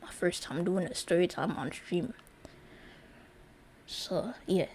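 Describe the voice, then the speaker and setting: A young woman in college chats to her live-stream audience, her voice sitting a little low. She rambles through the story, circling back and restarting sentences with plenty of fillers. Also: lively intonation, takes it slowly, darkish tone, slight background noise. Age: young adult.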